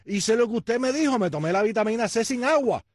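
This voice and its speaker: A man's voice: very high voice, animated, brisk, husky, dry recording, pitched above the performer's own voice, exaggerated voice. A man with a Cuban accent voicing a sick, flustered woman patient who complains breathlessly in a raised voice.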